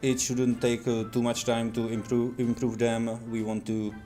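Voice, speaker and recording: A man's voice: mid-range voice, monotone, normal speed, warm tone, faint music behind. A man of about thirty from Czechia, a lead game designer speaking English with a Czech accent, answering interview questions carefully with hesitant fillers.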